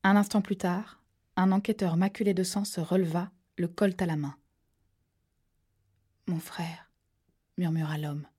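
A woman narrating a thriller audiobook in a steady, measured storytelling voice that drops to hushed tones at tense moments. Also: medium pitch, breathy edge.

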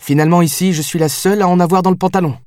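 Brusque woman police captain for a storybook, voiced by a man in a raised, pushed-up pitch, blunt and barking, in a dry close room. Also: steady tone, rapid-fire, a little mellow, dry recording, close to an everyday voice.

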